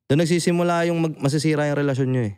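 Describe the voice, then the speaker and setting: Animated man with a smooth, clear voice. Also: on the high side, rapid-fire. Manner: animated, swears freely, peppers talk with "di ba?". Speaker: podcast host. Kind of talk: casual Tagalog podcast chat.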